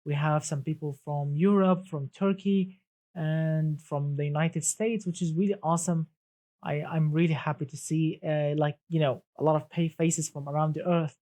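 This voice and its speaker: A man's voice: on the high side, fairly even intonation, normal speed, dark tone. A man hosting a casual gaming live stream, chatty and enthusiastic, greeting viewers and reading the chat aloud.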